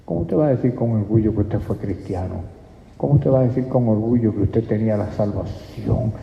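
A man preaching a fervent, pleading sermon in a gravelly voice. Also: lowish voice, a little fast. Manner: fervent, pleading, rises to near shouts. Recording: dull, echoey hall.

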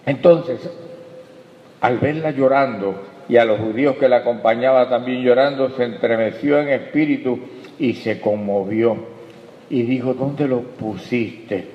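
A man preaching a sermon as pastor, calling listeners brother and building to loud, fervent peaks. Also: mid-range voice, moderate pace. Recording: echoey hall, dull lo-fi sound.

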